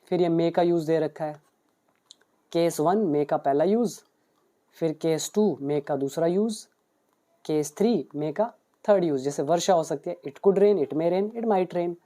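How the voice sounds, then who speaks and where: An English teacher walks through a book page by page, reading out paired Hindi and English examples. His voice is mellow and on the high side, and he speaks a little slowly.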